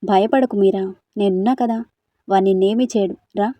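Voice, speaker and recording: A woman's voice: medium pitch, fairly even intonation, moderate pace, dark tone, no room sound, natural voice. A woman doing a protective young hero. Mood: reassuring. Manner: firm, reassuring.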